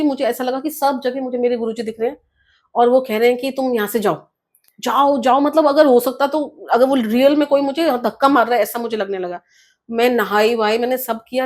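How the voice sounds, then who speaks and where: Earnest woman with a higher voice. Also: a little mellow. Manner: earnest, mixes English words into her speech. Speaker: guest author. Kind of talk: personal story in an interview.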